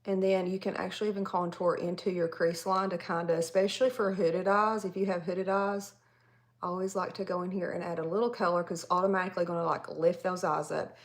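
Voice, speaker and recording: Her voice is fairly low and brisk with a flat delivery. She's a Tennessee woman in her forties with a Southern accent who hosts a makeup livestream, chatty and rambling as she speaks straight to her viewers.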